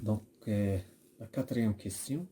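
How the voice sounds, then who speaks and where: A male teacher with a Moroccan accent leads a classroom poetry lesson. He speaks slowly and patiently, repeating and correcting his pupil's answers. His voice is very dark and a little husky. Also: on the low side.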